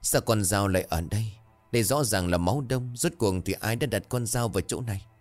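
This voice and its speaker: A man's voice: fairly low pitch, a little fast, soft background music, close to an everyday voice. A man voicing a stern, worried older farmer who talks curtly to his wife. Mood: shaken. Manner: gruff, curt.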